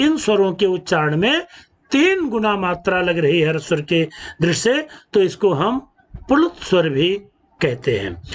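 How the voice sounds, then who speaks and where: A man teaching a grammar lesson, drawing out each sound slowly as he explains. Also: high-pitched. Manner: slow, drawn-out teaching delivery with stretched sounds. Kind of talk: classroom lesson.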